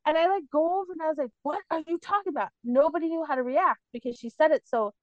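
A woman guest chatting casually, telling an animated story and acting out the quoted lines. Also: high voice, fast, no echo, dull audio. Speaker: guest, psychiatric nurse practitioner.

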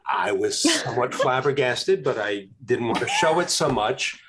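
A man, a guest author, telling a story in a casual interview, with animated emphasis. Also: medium pitch, normal speed, very noisy.

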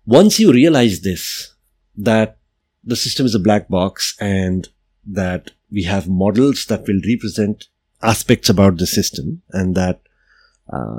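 Middle-aged male podcast host, lowish voice, dry close sound, thoughtful explainer. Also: dark tone, breathy edge, no echo. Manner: reflective, explanatory, frequent "right?" and "you know". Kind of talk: solo podcast monologue.

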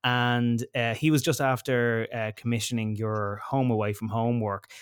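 A man's voice: mid-range voice, fairly even intonation, normal speed, smooth, no echo, clean studio sound. A man hosting an interview, asking questions with enthusiasm and frequent stammering restarts. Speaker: interviewer, podcast host. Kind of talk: casual interview conversation.

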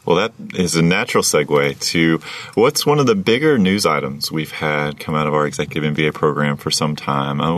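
A man hosting a podcast interview, asking questions in a relaxed way with frequent ums and uhs. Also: low voice, no room sound. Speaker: podcast host.

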